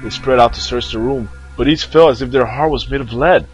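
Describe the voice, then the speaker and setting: A man's voice: medium pitch, fairly quick, highs cut off, soft background music. A young man playing through a video game, reading its text aloud with crude joking asides. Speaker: let's player.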